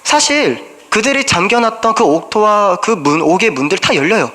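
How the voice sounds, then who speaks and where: Young Korean male junior pastor, sermon delivery, high ringing voice, questioning and prayer-voicing. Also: expressive, moderate pace, bright, forceful tone. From South Korea. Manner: asks the congregation questions, voices prayers in first person.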